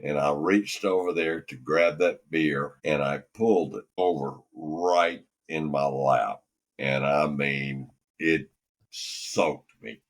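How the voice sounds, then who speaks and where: A man's voice: very deep voice, slow pace. An older man from Alabama, a former golfer telling rambling, folksy stories as a podcast guest. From Alabama, USA. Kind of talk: anecdotal storytelling.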